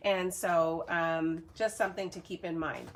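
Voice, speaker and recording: A woman's voice: fairly low pitch, fairly even intonation, unhurried, a little hiss or hum. An adult woman from Canada, chatting casually through a live cardmaking tutorial, upbeat and reading viewer comments aloud. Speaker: cardmaking demonstrator.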